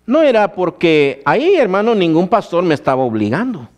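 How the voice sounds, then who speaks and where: A man's voice: high-pitched, big pitch swings, moderate pace, darkish tone. Man preaching a testimony sermon. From Guatemala. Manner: addresses listeners as brother, storytelling.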